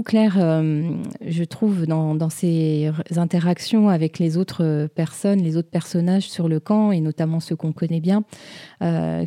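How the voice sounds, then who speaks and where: A woman's voice: on the low side, dark tone, no room sound, clean studio sound. A woman reviewing a TV episode in casual commentary, hesitant, with many filler sounds and restarts. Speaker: show reviewer.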